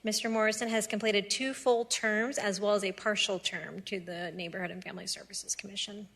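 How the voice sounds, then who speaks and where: A woman's voice: medium pitch, fairly even intonation, brisk, creaky, a bit bright. A woman on city staff formally announcing board appointments at a council meeting.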